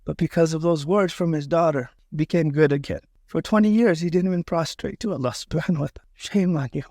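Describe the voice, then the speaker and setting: A man's voice: on the high side, fast talker, darkish tone, no echo, studio quality. A man telling a moral story in an emotional sermon, earnest and repeating key phrases for emphasis. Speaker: preacher.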